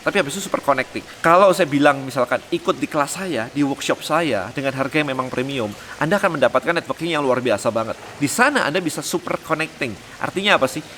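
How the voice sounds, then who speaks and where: A man hosting a business vlog, rattling along at a brisk clip with a fairly high voice. His casual, lively delivery slips English phrases into the talk. The room rings with a long reverb and a faint hum of ambience. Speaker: vlog host and business coach.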